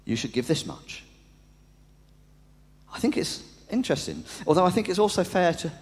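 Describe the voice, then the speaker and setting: A man preaching a sermon in a conversational way, asking rhetorical questions. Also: fairly high pitch. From England. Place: church. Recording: long church reverb.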